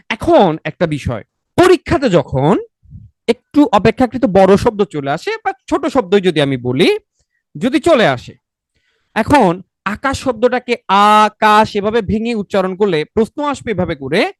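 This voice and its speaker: Teacher, mid-pitched, coaxing question-and-answer drilling, dry recording. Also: no echo. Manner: drills by asking questions and answering them itself; repetitive and coaxing, often adds a checking "okay?". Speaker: exam-prep teacher. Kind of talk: online exam-prep lecture.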